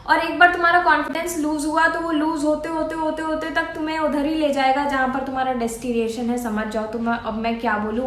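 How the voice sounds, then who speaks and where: A woman's voice: high voice, a bit bright, slight background noise. A young woman from India talking casually to camera, giving earnest, coaxing advice like an older sister. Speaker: student vlogger. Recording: echoey room.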